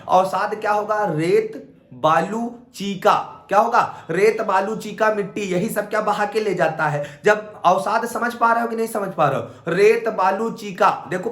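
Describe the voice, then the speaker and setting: A man's voice: high-pitched, fairly bright tone. A male teacher, teaching an exam-prep class by asking questions and answering them himself, over and over. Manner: repetitive question-and-answer drilling. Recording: echoey room.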